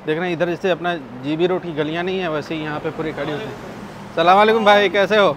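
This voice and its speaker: On a crowded street, a man films his travel vlog on a handheld camera, making crude, joking remarks about the sights as he walks. He speaks quickly in a voice on the high side. The rough recording picks up a crowd and street noise behind him.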